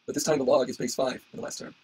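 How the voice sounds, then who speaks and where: A man giving an informal tutorial as an instructor, with a husky, strained voice that is giving out. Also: mid-range voice, level tone, very fast, darkish tone. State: losing his voice, hoarse. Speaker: instructor explaining algorithm analysis.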